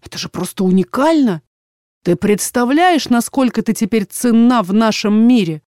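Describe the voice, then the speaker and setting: A woman's voice: fairly high pitch, animated, moderate pace, a little mellow, no room sound, clean studio sound, voice pushed up, natural voice. A woman reading the part of a stern, domineering middle-aged father in an audiobook, speaking in a commanding, cold and dismissive way.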